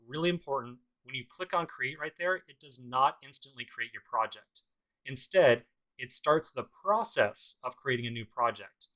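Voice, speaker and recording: A man's voice: medium pitch, expressive, moderate pace, bright, forceful tone, poor audio. A man teaching a programming course in a casual screencast tutorial, talking through each step with dry sarcastic asides. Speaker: programming instructor.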